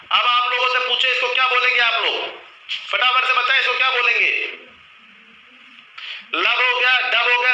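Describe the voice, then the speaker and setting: A man's voice: extremely high pitch, bright, forceful tone, reverberant, rough recording. A man teaching a live online nursing class, who keeps asking his students questions and then answering them himself, and calls them children.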